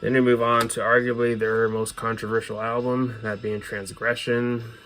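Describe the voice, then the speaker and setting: Here the host presents his music collection with casual, opinionated fan talk. His medium-pitched voice is a bit bright, delivered flat at normal speed. The audio is poor, with slight background noise.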